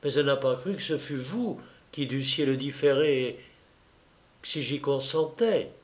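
A man's voice: medium pitch, measured pace, close to an everyday voice. A man reading aloud, voicing a proud, dignified young noblewoman who answers with cool restraint. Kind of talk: audiobook character voice.

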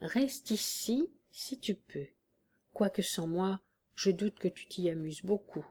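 A woman reading as a dying old army captain, hushed and calm. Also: medium pitch, slow pace, husky. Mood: weary, tender. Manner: weak, hushed, steady.

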